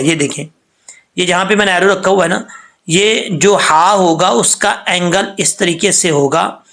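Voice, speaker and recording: A man teaching Quran reading in a patient lesson, spelling out syllables slowly and checking often that the learner follows. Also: high-pitched, fairly bright tone. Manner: patient, repeats each syllable slowly and asks "ٹھیک ہے؟" often. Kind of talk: recitation lesson.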